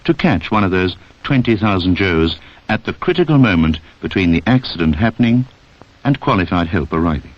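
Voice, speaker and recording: Here a low-voiced narrator moves fairly quickly with lively intonation through a scripted 1960s public information film. He talks directly to the listener, and the recording has a dull, band-limited 1960s soundtrack quality.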